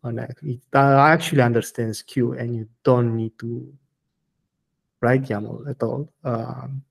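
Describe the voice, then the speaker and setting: A man speaks as a guest in a technical interview. He halts and restarts often while he searches for words. His pitch is in the middle for a man. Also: steady tone, measured pace, creaky. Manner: hesitant, many restarts and fillers, blunt answers. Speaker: guest software maintainer.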